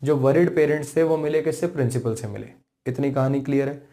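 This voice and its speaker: A man's voice: medium pitch, dark tone. A man with an Indian accent teaching English grammar, who explains patiently, repeats himself and keeps checking that his students follow. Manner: slows right down to spell out English example sentences. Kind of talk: classroom lesson.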